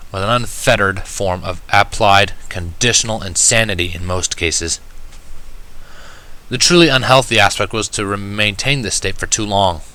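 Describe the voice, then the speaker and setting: Sharp-toned and on the low side, a man's voice delivers a dramatic first-person fan fiction narration with a wry, sardonic edge. Music runs underneath, and the recording quality is low.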